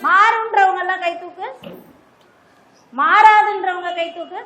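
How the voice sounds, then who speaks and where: A woman's voice: very high voice, fairly even intonation, measured pace, a crowd in the background. A woman teaching a classroom lesson to young children with a Tamil Nadu accent, coaxing them along with constant questions. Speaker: primary school teacher. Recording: echoey classroom, faint noise.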